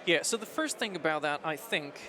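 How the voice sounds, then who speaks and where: Male interview guest, French accent, slightly high voice, conversational, clear crowd noise behind. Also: expressive, a little fast. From France. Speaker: interview guest, technical marketing manager. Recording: busy crowd chatter behind.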